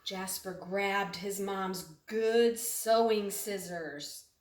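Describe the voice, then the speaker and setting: Standing far from the mic in an echoing room, a mid-range-voiced woman reads a picture book to children. Her unhurried, expressive reading includes dramatic stretches and asides where she puts questions to the young audience.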